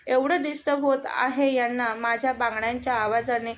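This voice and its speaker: A woman voicing the inner thoughts of a timid young bride, quiet and hurt. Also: a little high, little pitch movement, fairly quick, slight background noise, close to an everyday voice. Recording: dull lo-fi audio.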